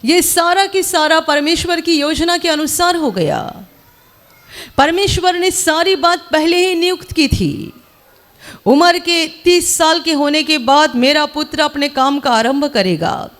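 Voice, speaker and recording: A woman preaching a sermon in a measured, repetitive style, calling out hallelujahs between points. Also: sits high, a bit bright.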